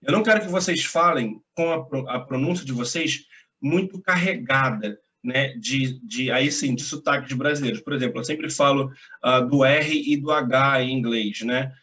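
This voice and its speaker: A man's voice: medium pitch, moderate pace, bright, forceful tone. A young man from Brazil giving a casual video lesson as an English teacher, chatty and reassuring, with slang and frequent tag questions.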